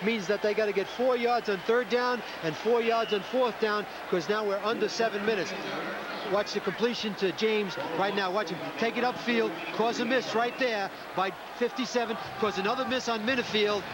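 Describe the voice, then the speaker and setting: An American man breaks down football replays as a color commentator, emphatic and repeating himself to drive points home. His voice is high for a man. Heavy noise runs through the old broadcast sound. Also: fairly even intonation, normal speed, over a noisy crowd. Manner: emphatic, repetitive, explanatory. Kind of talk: football analysis over replays. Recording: very noisy 1980s TV broadcast.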